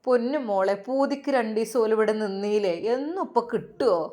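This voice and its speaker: A woman voicing an older mother who softly coaxes and soothes her grieving daughter. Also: on the high side, brisk, lightly acted. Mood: soft coaxing. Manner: soft, coaxing.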